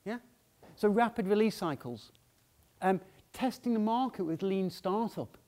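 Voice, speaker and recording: A man's voice: high voice, expressive, unhurried, a little mellow. A man on stage in a large hall giving a conference talk, chatty and informal, often checking in with the audience with "yeah?". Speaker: conference speaker.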